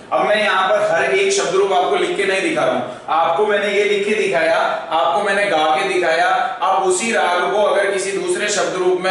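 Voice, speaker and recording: A male school teacher giving a classroom lecture, chanting grammar forms in a slow sing-song tune and checking in often with "okay?". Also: sits high, fairly bright tone. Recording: very echoey, far from the mic, faint noise.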